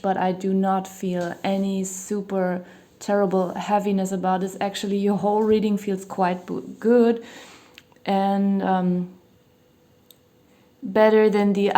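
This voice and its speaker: A German woman gives a casual tarot reading monologue at home near a hospital, with sirens outside. She is losing her voice a little and sounds slightly hoarse, meandering and hedging with lots of "you know." Her voice is mid-range and warm.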